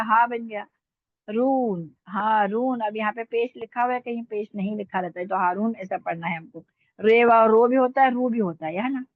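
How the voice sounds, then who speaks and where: A woman's voice: fairly high pitch, dry recording, phone-quality sound. A woman teaching Urdu script in an online lesson, spelling words out letter by letter in a patient way.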